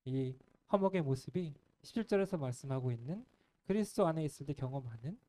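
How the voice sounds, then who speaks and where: Gentle, mellow-voiced male pastor preaching. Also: medium pitch, expressive, a little fast. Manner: earnest, gentle preaching with soft trailing phrase ends. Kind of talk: sermon. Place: church sanctuary.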